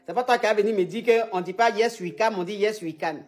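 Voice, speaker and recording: Animated woman giving advice. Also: mid-range voice, fairly quick. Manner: animated and teasing, repeats phrases, slangy. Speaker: advice show host, relationship coach. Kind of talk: casual advice chat with a caller.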